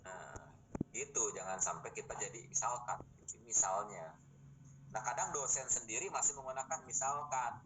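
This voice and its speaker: A man's voice: mid-range voice, moderate pace, noisy background. A middle-aged man lecturing his students in a classroom, explaining points patiently and posing rhetorical questions.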